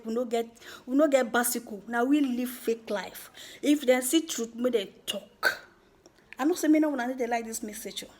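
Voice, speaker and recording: A woman with a Nigerian accent speaks Nigerian Pidgin in an informal, emphatic rant to viewers, teasing and repeating words for effect. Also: sits high. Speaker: vlogger giving social commentary.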